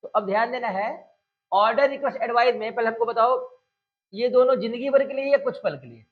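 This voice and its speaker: A man teaching a grammar lesson, quizzing his listeners and then answering his own questions in a low murmur. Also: a little fast. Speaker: English teacher. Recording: tinny phone-like audio.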